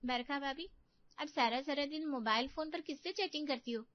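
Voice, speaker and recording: A woman's voice: high-pitched, moderate pace, muffled recording, pitched above the performer's own voice, close to an everyday voice. A woman voicing a sly young married daughter who needles her sister-in-law with insinuations.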